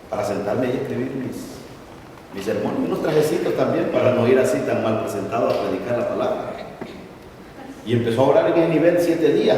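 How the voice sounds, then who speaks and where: A man's voice: mid-range voice, warm tone, slight background noise. A middle-aged man preaching a sermon, telling stories and stressing key words. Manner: storytelling preacher, acts out quoted voices, stresses words. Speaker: pastor. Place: large church hall. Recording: echoey hall from far off.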